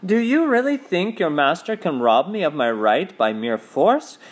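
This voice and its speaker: A man voicing a cold, cruel witch queen with a shrill, imperious manner. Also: sing-song, measured pace.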